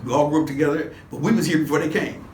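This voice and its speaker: Racing through his memories, a Los Angeles man in his sixties speaks on the high side in rambling street slang, restarting many times as an interview guest. The background is noisy, and the mic is far off in an echoey room.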